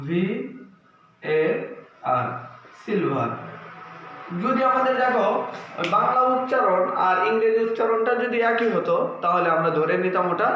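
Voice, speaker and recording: A man teaching a class, explaining slowly and asking questions that he answers himself. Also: high voice. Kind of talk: classroom lesson. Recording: echoey room, slightly dull sound with faint noise.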